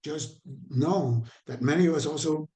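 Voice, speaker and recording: Here a man with a Caribbean Spanish accent delivers an online training in a slightly high, dark-toned voice, taking his time. His style is conversational, with questions thrown to the audience and repetition for emphasis.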